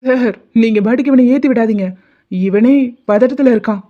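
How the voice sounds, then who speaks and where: A cautious young man, voiced by a woman, jokingly warns his friend in an animated story. The voice is a little high. The sound is dull and lo-fi. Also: normal speed, natural voice. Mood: warning. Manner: warning, joking. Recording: dull lo-fi audio.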